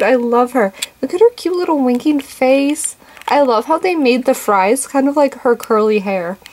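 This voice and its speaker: A woman's voice: a little high, a little hiss or hum. Gushing young woman unboxing toys. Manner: gushing, excitable, lots of "oh my gosh" and "so cute". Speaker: toy unboxing host. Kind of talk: casual toy unboxing chat.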